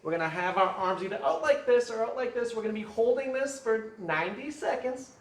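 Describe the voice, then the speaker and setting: A man's voice: high-pitched, animated, brisk, reverberant, distant mic. A man as fitness coach, leading a guided stretching class with jokes and countdowns. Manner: joking, upbeat instruction with counting. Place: fitness studio.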